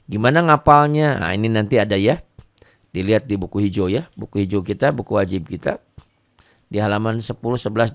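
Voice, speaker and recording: A man's voice: on the low side, dry recording, studio quality. A man teaching Quran recitation rules to beginners, explaining patiently and repeating each point step by step. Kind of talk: tajwid lesson with recited examples.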